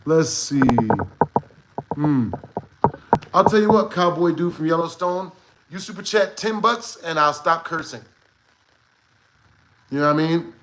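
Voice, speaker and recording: A man's voice: on the high side, unhurried, pauses often, a bit bright, a little hiss or hum, rough recording. A man live-streaming, chatting casually with his viewers in a joking, slangy way and swearing freely. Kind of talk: casual livestream chat with viewers.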